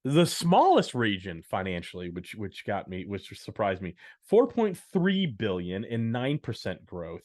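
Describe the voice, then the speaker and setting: A man's voice: fairly low pitch, big pitch swings, a little slow, few pauses, darkish tone. A man from the United States co-hosting a casual business podcast, chatting and walking through numbers. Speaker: podcast co-host.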